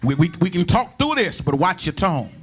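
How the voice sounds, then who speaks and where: A male pastor, preaching a sermon in a church in a sing-song cadence that builds into shouted, chanted lines, repeating phrases for the congregation to answer. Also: high voice, big pitch swings, moderate pace. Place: church sanctuary.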